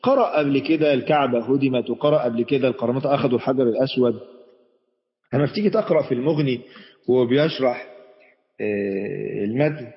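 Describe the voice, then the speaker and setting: A man's voice: medium pitch, quick pace, in a large hall, muffled recording. A man with an Egyptian accent giving a chatty religious lesson, speaking straight to his audience and often restarting his sentences. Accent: Egyptian Arabic. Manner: chatty, addresses the audience directly, frequent restarts. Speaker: sheikh giving an Islamic lesson.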